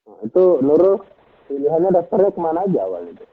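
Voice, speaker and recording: A man conducts a casual interview over a phone call, asking short follow-up questions. His voice is a little husky. The line is thin and phone-like. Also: on the high side, very animated, fast talker. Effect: heard over a phone or online call.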